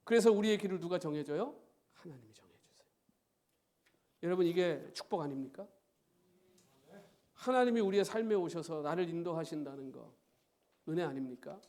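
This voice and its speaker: A middle-aged male pastor preaching a sermon, firing rhetorical questions at the congregation in an animated way. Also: fairly high pitch, normal speed, pauses often. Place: church sanctuary.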